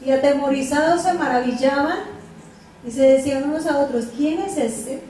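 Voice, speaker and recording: A woman's voice: high-pitched, moderate pace, mellow. A woman teaching a Bible study as a sermon, asking the listeners questions and repeating the verses. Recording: echoey room from far off, faint noise.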